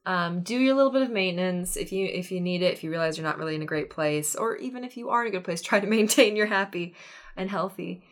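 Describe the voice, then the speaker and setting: A woman's voice: fairly low pitch, lively intonation, fast talker. A woman co-hosting a podcast from a room in a house, chatting casually, laughing often and repeating words for emphasis. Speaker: podcast co-host. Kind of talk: casual chat.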